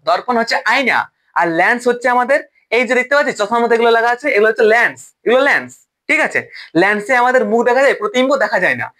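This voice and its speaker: A man with a high voice teaches a science lesson in a loose, conversational way. His tone is bright and keen, and he keeps asking the listener questions and fixing his own slips. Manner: self-correcting, stumbles over terms. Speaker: science tutor. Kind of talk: informal class explanation.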